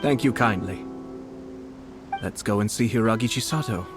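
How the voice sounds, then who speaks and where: An actor playing a courteous, measured noble lord in a video game. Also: male voice, fairly low pitch, close to an everyday voice. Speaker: clan lord. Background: game music.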